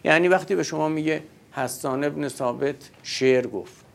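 Gravelly-voiced man giving a religious lecture. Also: a little high. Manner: conversational, asks and answers his own rhetorical questions.

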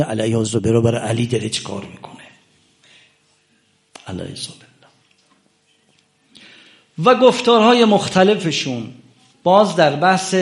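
Male preacher with a gravelly voice, impassioned sermon delivery, loud peaks and hushed asides. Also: medium pitch. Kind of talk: religious sermon.

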